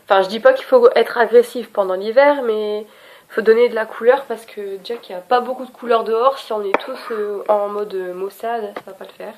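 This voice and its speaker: A woman's voice: a little high, steady tone, a little fast, a little hiss or hum. Young French woman, beauty vlogger, chatty and self-mocking, scattered delivery. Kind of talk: casual product review.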